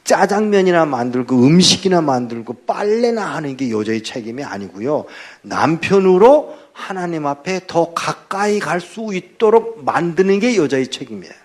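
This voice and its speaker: An older male pastor giving a testimony sermon, telling his story in an animated way and acting out the dialogue. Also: a little high, normal speed, hardly any pauses.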